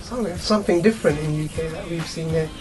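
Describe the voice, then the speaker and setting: A man's voice: fairly high pitch, fast talker, darkish tone, soft background music, rough recording. A man interviewing a singer in a studio, asking questions in an easygoing, hesitant way. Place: music studio, indoors.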